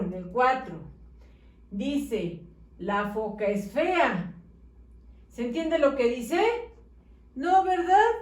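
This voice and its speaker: A woman teacher dictates to small children very slowly, sounding out each word. Her voice is fairly high and swoops up and down in a patient, sing-song way. She sounds a little away from the mic, in an echoey room. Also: a little mellow. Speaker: primary school teacher. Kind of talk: slow children's dictation lesson. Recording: roomy, slightly distant mic.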